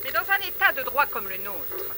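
A woman's voice: sits high, sing-song, normal speed, noisy background. An actress playing a stern, unbending government spokeswoman making formal statements in pompous officialese for a radio play. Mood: stern, defensive.

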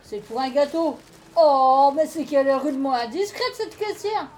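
A woman's voice: high voice, animated, normal speed, darkish tone, slight background noise. An actress playing a thrifty, no-nonsense mother in a natural radio drama style. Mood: exasperated. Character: thrifty, no-nonsense village mother, easily exasperated.

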